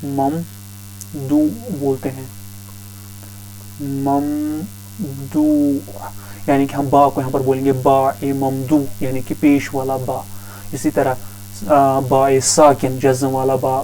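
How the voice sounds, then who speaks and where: A man's voice: medium pitch, warm tone, poor audio. A man teaching a grammar lesson, patiently repeating each term several times. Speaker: Arabic teacher.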